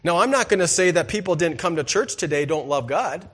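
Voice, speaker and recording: Preacher with a slightly high voice. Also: male voice, animated, fairly quick. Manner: preaching with call-and-response "amen?" and rhetorical questions; swings between loud emphatic lines and quiet, low asides. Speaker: pastor. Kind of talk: sermon. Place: church.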